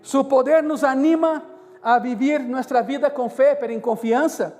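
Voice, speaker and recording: A man's voice: very high-pitched, moderate pace. A man preaching a sermon as pastor, telling a story and acting out the dialogue. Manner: animated, acts out dialogue in the story. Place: church service. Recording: live church hall with music behind.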